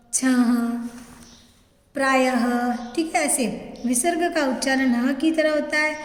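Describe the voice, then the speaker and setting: A woman teaches a grammar lesson in a high, clear voice. She repeats each term and keeps checking in with the class. Her voice rings through a roomy space with a long echo. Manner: explains step by step, repeats terms, checks with "thik hai"; asks questions and answers them herself. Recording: echoey room with long reverb.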